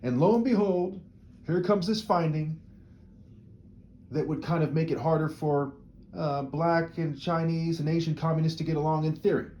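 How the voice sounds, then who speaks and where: A slightly high, warm voice at a moderate pace, heard through a muffled recording with some background noise. The video commentator gives a rambling, opinionated monologue to camera, often ending points with "right?" and repeating words when he restarts sentences.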